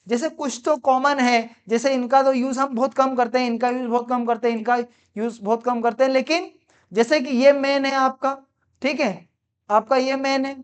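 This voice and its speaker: A man's voice: very high voice, clean tone. A man teaching English pronunciation. He quizzes his listeners and repeats each word several times, with playful teasing asides. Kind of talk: spoken pronunciation lesson.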